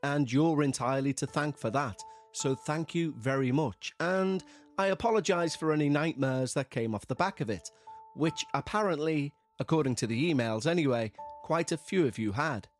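A man hosting a podcast in a measured, polite, scripted way, speaking directly to listeners. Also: on the high side, faint music behind. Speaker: podcast host. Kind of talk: scripted host narration for a paranormal podcast.

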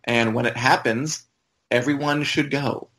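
A man's voice: mid-range voice, fairly even intonation, a little slow, a bit bright. A man talking casually as a podcast co-host, in an informal, conversational way. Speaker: website editor and podcast co-host.

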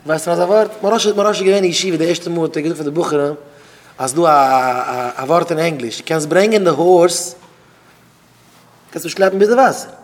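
A rabbi gives students an informal sermon, repeating phrases for emphasis and swinging between loud bursts and quiet asides. His voice is on the high side and his pace quick.

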